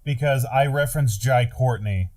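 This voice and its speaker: A man as a podcast guest in casual chat, relaxed and hesitant with many fillers. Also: medium pitch, normal speed.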